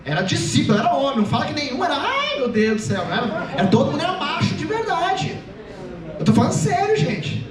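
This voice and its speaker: A man giving an animated, joking youth sermon, acting out voices as he tells the story. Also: very high-pitched, fast, over a noisy crowd. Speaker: youth preacher. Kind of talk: lively comic youth sermon. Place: church hall. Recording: echoey hall, voice from far off.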